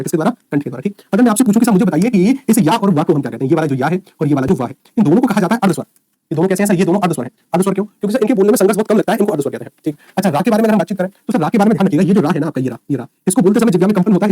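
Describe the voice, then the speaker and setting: A man's voice: high voice, warm tone, no room sound, clean studio sound. A man teaching an online exam-prep lecture, repeatedly checking in with his students. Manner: rapid, repetitive checks with students.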